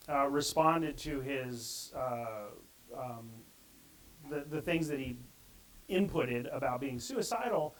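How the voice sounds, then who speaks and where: A middle-aged man giving a conference talk in a lively, conversational way. His voice sits a little higher than most men's, and he slips into quoted voices as he reads examples aloud. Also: low-quality recording. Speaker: conference speaker.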